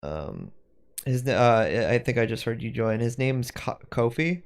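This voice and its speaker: A man's voice: medium pitch, expressive, unhurried. A man streaming while he does 3D design work, chatting casually and rambling as he thinks aloud and corrects himself. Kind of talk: casual livestream chat while working.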